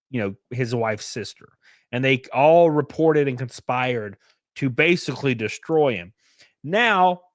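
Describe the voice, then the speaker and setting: A man with a mid-range voice streams casual commentary, reading chat messages aloud. He rambles with lots of fillers and restarts and sounds a bit sniffly. The recording is clean studio sound without room echo.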